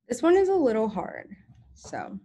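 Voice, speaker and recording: A woman's voice: fairly high pitch, wildly swooping pitch, unhurried, mellow, slightly rough. A young woman giving an informal science presentation on a video call, talking casually with many ums and self-corrections. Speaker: student presenter.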